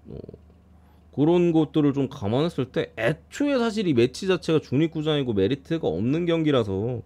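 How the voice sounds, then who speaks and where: A man giving a casual streamed preview of baseball games, blunt and quick to swear and grumble. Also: on the high side, big pitch swings, dark tone. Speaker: baseball betting analyst streamer.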